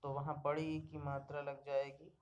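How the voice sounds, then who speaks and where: A man teaching young pupils the alphabet in a slow screen-recorded lesson, patiently repeating each word and checking in after each one. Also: a little high, completely flat delivery, darkish tone, highs cut off.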